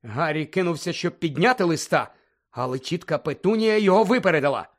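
Guy reading a story aloud, lively and dramatic, kinda high voice. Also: brisk. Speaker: audiobook narrator. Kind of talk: scripted narration.

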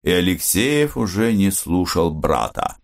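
A man narrating a literary audiobook in a measured, expressive storytelling manner. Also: deep voice.

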